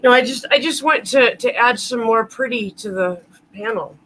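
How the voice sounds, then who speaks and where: A woman's voice: fairly high pitch, moderate pace, noisy background. A woman guesting on a livestream, chatting in a friendly, encouraging way. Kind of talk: casual chat.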